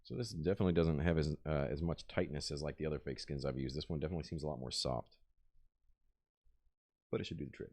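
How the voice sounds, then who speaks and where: A man's voice: very deep voice, fast, a little mellow. A man, a tattoo artist, chatting casually on a live stream as he works, explaining technique in a laid-back way into a desk microphone. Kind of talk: casual live-stream chat while working.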